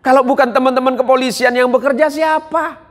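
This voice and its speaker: A man's voice: very high voice, steady tone, brisk. A male Islamic preacher giving a humorous religious lecture to a gathering in a large hall, bantering and joking with the audience. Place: large hall at a police headquarters.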